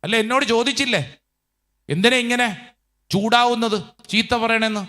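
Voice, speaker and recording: A man's voice: extremely high pitch, fairly even intonation, normal speed, pushed and bright. A man preaching as a priest, quoting a bitter young man in his twenties who is angry at priests and answers curtly and with resentment. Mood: resentful. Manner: curt, resentful retorts.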